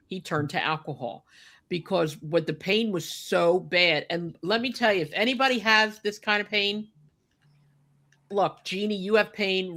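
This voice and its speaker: With a fairly low pitch and a bright, forceful tone, an older woman shares personal memories as a podcast host. Her unscripted talk is chatty and emphatic, full of asides directed at the audience.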